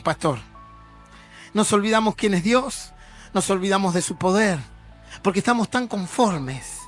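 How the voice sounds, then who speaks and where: High, bright-voiced pastor preaching. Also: male voice. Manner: emphatic, conversational preaching. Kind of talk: sermon.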